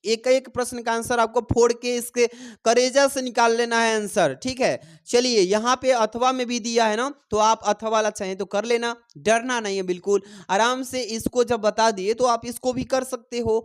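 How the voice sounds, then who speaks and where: A man's voice: very high-pitched, steady tone, moderate pace, few pauses, smooth. Encouraging male teacher coaching students. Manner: encouraging, calls students "babu" and "dear children", reads verse aloud. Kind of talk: exam-prep lesson.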